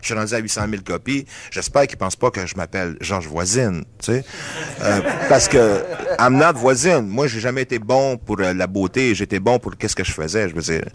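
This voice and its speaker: A man's voice: fairly low pitch, fairly quick. A Canadian singer with a Québécois accent, talking in a loose, rambling way and slipping English phrases into his French during an interview. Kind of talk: casual interview talk.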